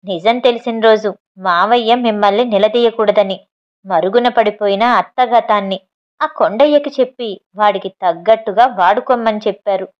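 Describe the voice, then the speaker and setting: A woman's voice: medium pitch, normal speed, dull audio, close to an everyday voice. A woman voicing an angry grown son who heatedly accuses his father, in a storybook reading. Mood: accusing.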